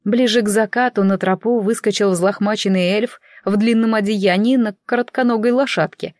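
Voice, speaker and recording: A woman narrating a fantasy novel in the first person in an even storytelling manner. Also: mid-range voice, normal speed, no echo, clean studio sound. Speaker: audiobook narrator.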